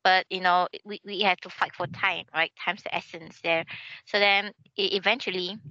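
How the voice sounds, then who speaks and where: A woman's voice: on the low side, normal speed, no echo, highs cut off. A woman who works as a phone interpreter, chatting casually and acting out voices as she tells a story. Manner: animated, acts out voices in a story. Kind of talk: casual podcast chat, storytelling.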